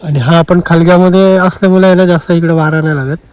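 Outdoors at night by a forest river, a camping vlogger with a Marathi Konkan accent talks casually to viewers, often low and with repeated phrases. He speaks fast in a steady, darkish, smooth voice, with no echo.

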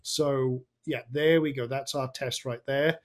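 Casual man with a slightly raspy voice. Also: mid-range voice, fairly even intonation, a little slow. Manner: informal, thinking aloud. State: tired. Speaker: online marketing coach. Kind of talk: casual screen-share tutorial.

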